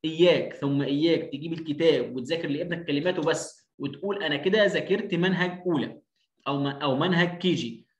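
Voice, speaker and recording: A man's voice: fairly high pitch, fast talker, lo-fi sound. A man with an Egyptian Arabic accent teaching English phonics, repeating each word again and again with emphatic stress. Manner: drills words by repeating them, emphatic. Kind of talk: online lesson. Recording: roomy echo.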